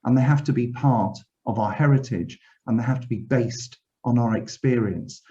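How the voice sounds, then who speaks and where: A Welsh-accented man serving as a university director general gives a formal, earnest, reflective webinar address over a video call, often restarting phrases. His mid-range voice moves at a moderate pace and sounds mellow, with dull audio and slight background noise.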